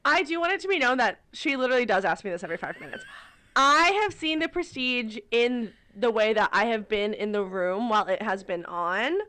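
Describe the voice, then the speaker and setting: A woman co-hosts a podcast in casual, joking chat. Her voice sits a bit high, and she speaks with animation. She fires off rhetorical questions with playful disbelief. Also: lively intonation, brisk, bright, forceful tone. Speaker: podcast co-host.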